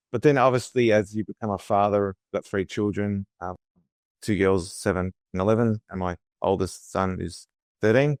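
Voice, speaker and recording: Australian male guest, low voice, dead dry recording, steady and friendly. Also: moderate pace, no room sound. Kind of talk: podcast interview.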